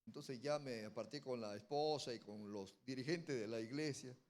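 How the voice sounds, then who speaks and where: A man, a pastor telling a story in a sermon and building to loud, emphatic preaching. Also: mid-range voice, normal speed. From Peru.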